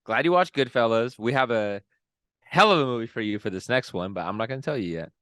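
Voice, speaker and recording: A man's voice: mid-range voice, lively intonation, fast talker, fairly bright tone, smooth, no room sound, clean studio sound. A man co-hosting a podcast, chatting casually with playful exaggerated jokes. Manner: joking, laid-back, playful exaggeration. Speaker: podcast co-host. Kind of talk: casual chat.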